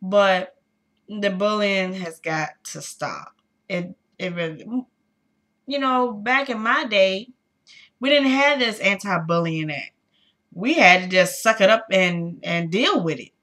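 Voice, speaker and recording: A woman in her thirties speaking candidly to her viewers in a personal vlog, pausing often with fillers. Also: mid-range voice, fairly bright tone. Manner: halting, with many pauses and fillers; candid, addressing viewers directly. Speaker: vlogger.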